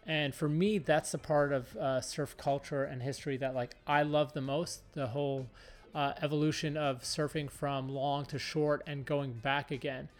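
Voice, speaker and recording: A podcast host from Southern California, this man has a fairly high voice and a moderate pace. He rambles in a relaxed way with many fillers while introducing an interview and asking questions.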